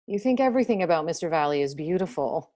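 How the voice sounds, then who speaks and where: Woman acting a mellow-voiced, tart, pious mother. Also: deep voice, animated, fast. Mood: dry, sardonic. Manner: sardonic, clipped. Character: tart, pious, disapproving mother of grown daughter. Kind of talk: period drama screenplay reading.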